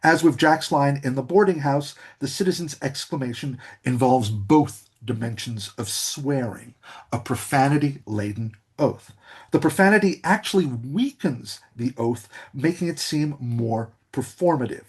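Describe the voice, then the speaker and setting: A man delivering a scholarly public lecture from a script, measured in manner with frequent hesitations. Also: mid-range voice, breathy edge. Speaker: guest lecturer. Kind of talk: academic lecture read from a script.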